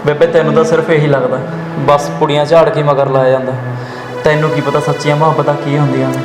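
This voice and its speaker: A young man with a Punjabi accent, acting a grieving widower and father who talks quickly and earnestly. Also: fairly high pitch, flat delivery, lightly acted. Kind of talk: village drama acting. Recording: echoey room with loud background music.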